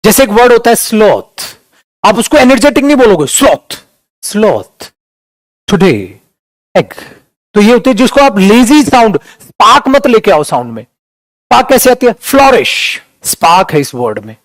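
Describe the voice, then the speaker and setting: High-voiced male teacher, close dry mic. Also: big pitch swings, fairly quick, no echo. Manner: addresses students as beta and dear, demonstrates pronunciation. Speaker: English teacher. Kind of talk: online class lecture.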